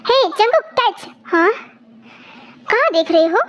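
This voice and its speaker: A woman's voice: very high-pitched, big pitch swings, unhurried, fairly bright tone, muffled recording. A woman performing acted fan-fiction dialogue, trading taunts and insults as she switches between characters.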